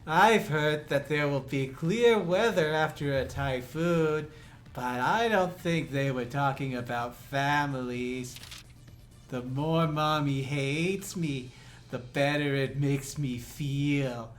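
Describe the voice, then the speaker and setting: A streamer reading a diary entry aloud in character as a sad child who feels hated by their mother, speaking slowly, softly and with an eerie calm, over faint game music. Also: mid-range voice, pitched above the performer's own voice, lightly acted. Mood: eerily calm.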